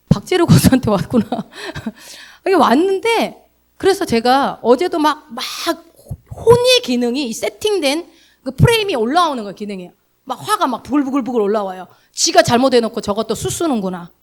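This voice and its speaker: A middle-aged woman pastor preaching a sermon in a conversational style, telling personal stories and asking emphatic rhetorical questions. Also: high voice.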